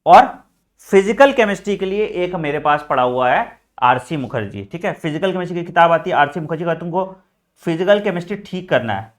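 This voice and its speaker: A man's voice: fairly high pitch, lively intonation, a little fast. A man coaching exam students in a casual lesson, talking directly and checking in often, mixing in English phrases. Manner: frequent "theek hai" check-ins, addresses students as beta.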